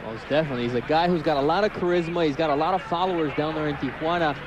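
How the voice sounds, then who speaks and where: A man's voice: fairly high pitch, rapid-fire. A man giving live boxing commentary as a color analyst at ringside. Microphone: ringside broadcast microphone. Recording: clear arena noise behind ringside voice.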